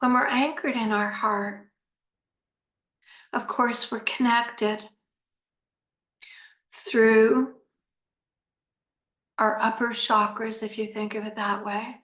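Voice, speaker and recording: A woman leading a guided meditation talk in a soothing, unhurried manner with long pauses. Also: a little high, fairly even intonation, fairly bright tone, echoey room.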